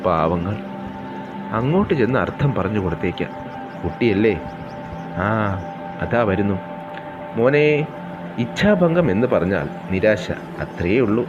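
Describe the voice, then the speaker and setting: A man reading a children's comic story aloud, switching lively between character voices. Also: lowish voice, unhurried, pauses often. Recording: dull lo-fi with clear music.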